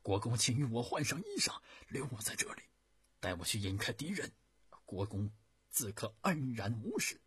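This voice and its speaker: A man voicing a loyal young male officer who declares his readiness to die, in a loud, high, fervent delivery with a husky edge. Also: sing-song, normal speed, heavily acted. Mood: fervent, devoted.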